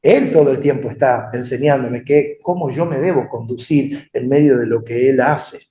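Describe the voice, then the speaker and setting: A man with a Rioplatense Spanish accent preaching a sermon in a conversational, animated way, often asking the congregation questions. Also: mid-range voice, normal speed. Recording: echoey room.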